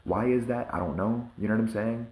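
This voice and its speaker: A man's voice: lowish voice, a little fast, a little mellow, echoey room, poor audio. A man musing casually in a loose, slang-heavy monologue full of fillers. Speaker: vlogger.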